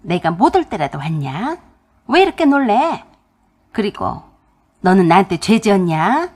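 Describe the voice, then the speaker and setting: Woman doing a loud, scolding old mother-in-law. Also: mid-range voice, very animated, measured pace. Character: harsh, money-minded older mother-in-law.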